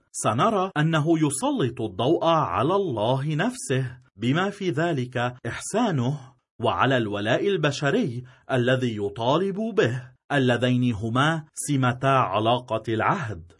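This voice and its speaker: A man giving a formal, scripted narration of a theology lesson in a measured, steady way. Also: mid-range voice, breathy edge. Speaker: lecturer narrating a theology course.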